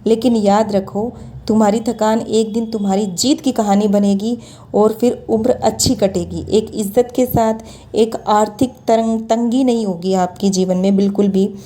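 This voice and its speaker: A woman in her thirties delivers a motivational talk with music playing behind her. Her voice sits on the high side and sounds mellow, and she earnestly exhorts her listeners.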